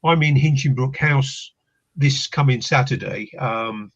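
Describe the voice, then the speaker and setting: Heard on a dull, lo-fi line, an older Englishman who works as a paranormal investigator speaks in a gravelly, mid-range voice at an unhurried pace. He is a guest in a relaxed conversation, reflective and hesitant, with many restarts.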